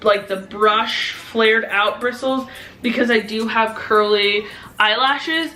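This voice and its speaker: A woman's voice: fairly high pitch, takes it slowly, pushed and bright, faint music behind. A young woman vlogger chatting casually through a beauty haul, full of "um" and "like" fillers. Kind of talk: casual product haul review. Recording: echoey room with faint noise.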